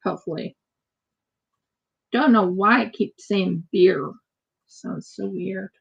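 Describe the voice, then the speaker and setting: An American craft streamer from the United States chats casually and rambles while crafting live, often repeating herself. Her mid-range voice is husky and creaky, and she speaks at a slow pace.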